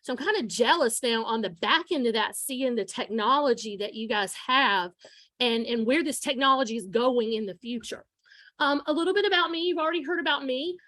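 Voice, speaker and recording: High-pitched woman projecting a teacher voice. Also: brisk, fairly bright tone, no echo. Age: 40s. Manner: projected teacher voice without a mic. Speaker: guest lecturer, forensic science instructor. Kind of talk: informal lecture to students. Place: room, speaking aloud to a student audience.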